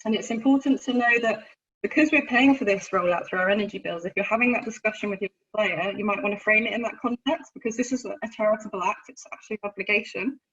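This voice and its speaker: A woman's voice: mid-range voice, fast talker, fairly bright tone, husky, no room sound. A woman giving a webinar presentation in a chatty, explanatory way, her call audio glitching and cutting out. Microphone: computer mic on a video call. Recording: dull lo-fi call audio, breaking up.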